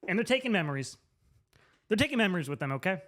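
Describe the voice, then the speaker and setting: A man's voice: high-pitched, sing-song, fast talker, fairly bright tone. A man drunkenly explaining a story to camera in a loose, slangy comedic ramble, repeating words for emphasis. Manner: emphatic, repeats names and phrases for effect. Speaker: presenter.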